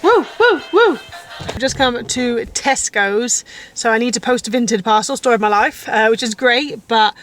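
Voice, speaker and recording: A woman's voice: on the high side, fairly even intonation, normal speed, a bit bright, soft background music. A woman, a mum of two, rambling through her day in a casual vlog with lots of "like". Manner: rambling, chatty, fillers of "like". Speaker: vlogger mum.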